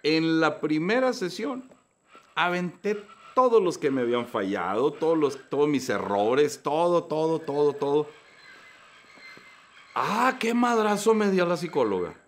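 A man in his forties with a Mexican Spanish accent, a voice-actor guest telling his story in a slangy, animated way. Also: on the high side, unhurried, a little hiss or hum. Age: 40s. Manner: animated, slangy, acts out dialogues. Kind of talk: casual storytelling interview.

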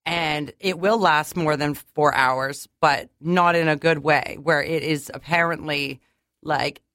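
A woman's voice: low voice, steady tone, slow, fairly bright tone, dry recording. A woman co-hosting a radio morning show, telling stories and giggling easily. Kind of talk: radio banter and story telling.

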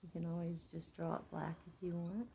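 Mother, casual heart-to-heart, warm encouragement, a touch of vocal fry, faint background hiss. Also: lowish voice, flat delivery, fairly quick. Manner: gentle and encouraging; earnest, speaks of faith and prayer. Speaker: mother talking with her son.

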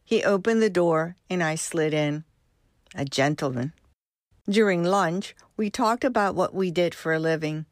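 A woman in her sixties from Cuba, hosting a podcast and reading her own memoir in a gentle, measured way. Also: fairly low pitch, dry recording, studio quality. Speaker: host and storyteller.

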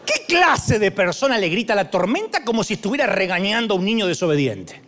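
A middle-aged man preaching a sermon as pastor, animated and humorous, acting out scenes with shouted quotes. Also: sits high, a little fast.

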